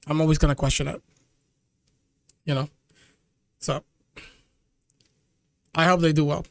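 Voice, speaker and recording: High-voiced young male streamer, casual. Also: fairly even intonation, unhurried, creaky, no room sound. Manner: chatty, loose, calls the audience "dude" and "chat". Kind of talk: casual live-stream reaction chat.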